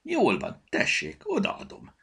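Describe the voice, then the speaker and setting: A man voicing a lively, boastful squirrel in a children's audiobook, chirpy and quick. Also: sits high, gravelly, husky, voice pushed up, exaggerated voice. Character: lively show-off cheeky squirrel.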